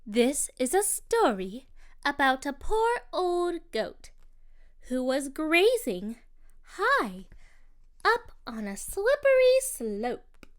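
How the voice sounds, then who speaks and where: A woman reading a rhyming children's picture book aloud as narrator, in a slow, expressive, sing-song delivery. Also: high-pitched. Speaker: storybook narrator.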